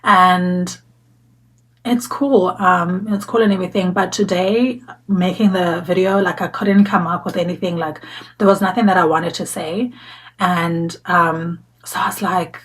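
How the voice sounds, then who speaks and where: A woman's voice: fairly low pitch, steady tone, a little slow, a bit bright, rough recording. Reflective woman in her thirties. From South Africa. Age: 30s. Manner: reflective, many fillers and restarts. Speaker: vlogger. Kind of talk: casual get-to-know-me vlog. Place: sitting at home talking to camera.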